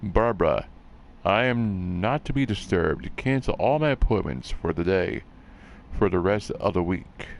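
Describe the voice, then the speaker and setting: A gamer reads notes in a low, stiff robot voice with a gravelly edge. Each word comes out flat and mechanical. A faint hiss sits in the background. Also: male voice, full character voice. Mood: robotic. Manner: deliberate, monotone robotic reading. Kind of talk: reading game text aloud while playing.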